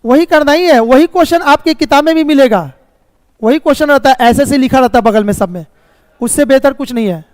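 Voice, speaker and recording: Speaking fairly quickly in an extremely high, slightly mellow voice, a man leads a live online reasoning class. He explains things step by step, repeatedly checks that students keep up, and occasionally scolds them about the course; the sound has no echo but a big-room feel.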